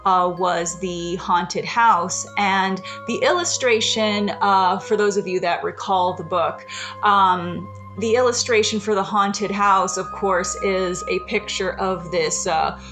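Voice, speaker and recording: A woman in her thirties or forties hosting a podcast, telling a childhood story in a slow, reflective, meandering way. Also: medium pitch, steady tone, a bit bright, faint music behind. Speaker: podcast host. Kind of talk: casual storytelling monologue.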